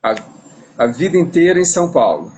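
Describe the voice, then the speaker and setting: A man's voice: a little high, big pitch swings, fairly quick, a little mellow, muffled recording, slight background noise. A man from Brazil hosting a casual live-stream interview, talking in a chatty way with many restarts, recorded on a phone. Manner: chatty, repeats words and restarts. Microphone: phone on a live video stream.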